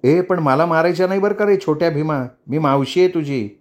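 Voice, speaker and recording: A man voicing a young woman, grieving but composed, speaking softly with affectionate teasing in a Marathi audiobook reading. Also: low-pitched, fairly quick, voice pushed up. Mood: warm teasing.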